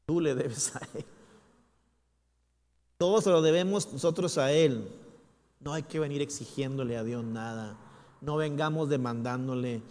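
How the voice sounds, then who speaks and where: A man preaching a sermon in a church, emphatic, with dramatic pauses and repetition. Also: fairly high pitch, darkish tone. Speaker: pastor. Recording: long church hall reverb.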